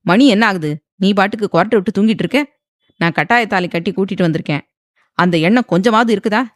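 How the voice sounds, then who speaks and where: A man's voice: high-pitched, fairly quick, no echo, natural voice. Woman narrator doing a bossy, menacing husband in an audio drama, barking orders, dry close sound. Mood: harsh. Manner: harsh and commanding. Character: domineering threatening young husband.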